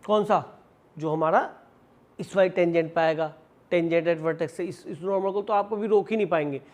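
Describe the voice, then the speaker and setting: A man's voice: high voice, moderate pace. A man teaching maths in a classroom lecture, explaining step by step, asking and answering his own questions, and calling students "beta" as he mixes English math terms into his talk with an Indian accent. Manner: addresses students affectionately as "beta"; switches between Hindi and English math terms.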